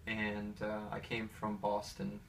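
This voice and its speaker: Speaking slowly with a completely flat delivery, this pianist from Atlanta, United States, sounds lowish, creaky and fairly bright. He's an American man in his thirties who rambles casually and hesitantly through personal answers in an interview, picked up by a distant mic with faint noise behind him.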